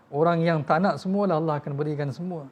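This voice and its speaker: A fairly high-pitched man speaks quickly with fairly even intonation, and the recording has its highs cut off. He has a Malaysian Malay accent and preaches a sermon through emotional storytelling, voicing the people he quotes and addressing listeners directly as tuan-tuan.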